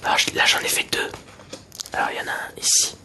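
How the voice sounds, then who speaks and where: Casting: male ASMR creator, hushed library whisper, crisp bright edge, casual and hesitant delivery. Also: fast. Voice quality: soft, breathy whisper.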